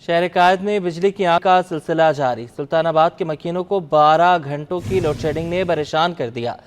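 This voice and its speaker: Brisk male news anchor. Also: a little high. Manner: brisk formal delivery. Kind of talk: news bulletin reading.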